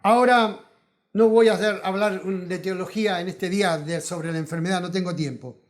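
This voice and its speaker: High-voiced Rioplatense pastor preaching. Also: male voice, fairly even intonation, normal speed. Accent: Rioplatense Spanish. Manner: emphatic preaching, swinging from loud calls to hushed asides. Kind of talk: sermon. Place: auditorium.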